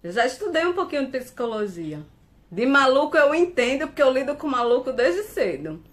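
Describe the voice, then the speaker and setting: A woman's voice: high voice, very animated, fairly quick. A woman hosting a casual live stream from home, reading viewer comments aloud and laughing often.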